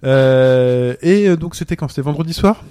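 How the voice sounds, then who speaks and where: Chatty French podcast host, dry sound. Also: male voice, mid-range voice, normal speed, dark tone, smooth, dry recording. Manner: chatty and joking, with many fillers. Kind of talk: casual podcast chat.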